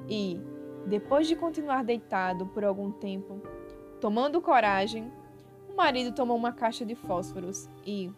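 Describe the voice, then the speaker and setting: A woman with a fairly high voice reads a short story aloud, measured and dramatic in her pacing. Clear background music plays under her narration throughout.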